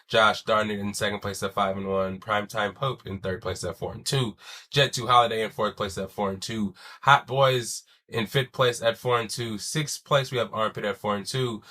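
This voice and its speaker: A young man hosts a solo sports podcast, loose and conversational, with slangy asides and swearing. His voice is on the low side, bright and forceful, but a chest cold makes him sound wheezy and stuffy.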